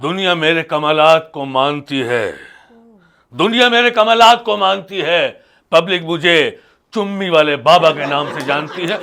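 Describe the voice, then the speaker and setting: A man's voice: fairly high pitch, a little slow. A man playing a bumbling, lecherous fake faith-healer baba in a comedy sketch, chanting like a street hawker and flaring up in mock anger. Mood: comic. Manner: loud, sing-song hawker chants, sudden angry outbursts.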